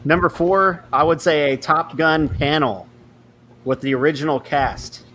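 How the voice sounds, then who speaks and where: A man's voice: a little high, unhurried, fairly bright tone, a little hiss or hum. Laid-back man with short replies. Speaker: podcast co-host. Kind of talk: casual podcast chat.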